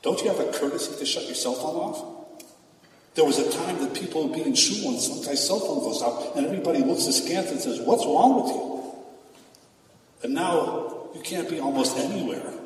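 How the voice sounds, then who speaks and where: A rabbi giving a sermon in emphatic preaching that swings from calm to loud, recorded from a distance in a large hall. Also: male voice, fairly high pitch, normal speed, slight background noise. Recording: echoey hall, far from the mic.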